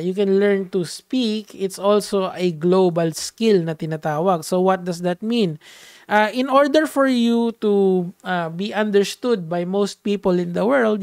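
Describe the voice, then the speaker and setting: A young Filipino commentary vlogger with a high-pitched voice and Filipino accent jokes around casually, mixing Tagalog and English, stumbling over fillers and restarts, and shouting "Hey!". The sound is dry and clean, like a studio recording.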